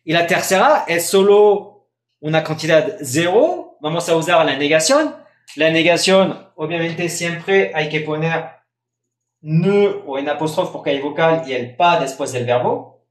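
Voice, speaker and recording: A man gives a live French grammar lesson at a slow, unhurried pace, stretching out the example phrases. His voice sits a little high, and the room adds a noticeable echo. He keeps checking that the students follow. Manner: patient, repeats examples and checks in with "¿eh?". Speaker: French teacher.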